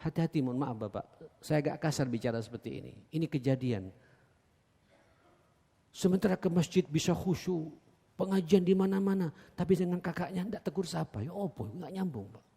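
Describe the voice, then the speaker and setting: An East Javanese man preaching in an earnest voice, fairly high-pitched and mellow. He shifts from forceful exhortation to quiet asides and keeps calling out to his listeners. The sound carries a long reverb from a large mosque hall. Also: a little fast, gravelly, breathy edge. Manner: earnest, repeatedly addresses the congregation as "Pak"; swings between loud emphatic exhortation and low quiet asides. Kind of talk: sermon.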